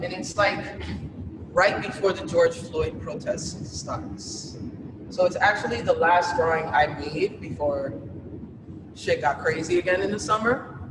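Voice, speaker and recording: A woman's voice: fairly low pitch, noisy background. Rambling woman in an echoey gallery. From New York. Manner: loose, rambling, heavy with fillers. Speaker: exhibiting artist. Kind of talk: casual gallery talk. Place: art gallery, indoors. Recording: echoey hall from far off.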